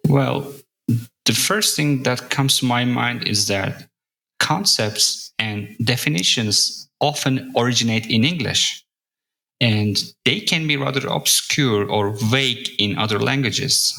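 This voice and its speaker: A man with a Turkish accent, a native Turkish speaker, talking as a podcast guest in a friendly, measured way. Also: mid-range voice, creaky, sharp tone, poor audio. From Turkey. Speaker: guest, intercultural communication teacher. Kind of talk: podcast conversation.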